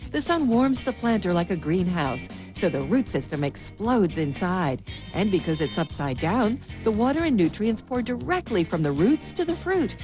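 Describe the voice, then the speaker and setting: A woman announcer giving an enthusiastic, urging infomercial sales pitch. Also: sing-song, normal speed, hardly any pauses. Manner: enthusiastic, urging hard sell. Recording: music bed behind the voice.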